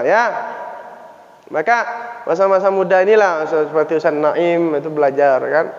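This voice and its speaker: A man teaching Quran pronunciation, repeating syllables slowly for students to copy. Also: high voice. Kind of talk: classroom lesson on pronunciation. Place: mosque hall. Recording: echoey hall, dull lo-fi sound.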